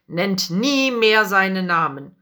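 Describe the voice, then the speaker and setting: A woman voicing stern, indignant temple priests in a storybook reading, speaking in a raised, higher voice. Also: animated, slow, sharp tone. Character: stern angry temple priests, older men.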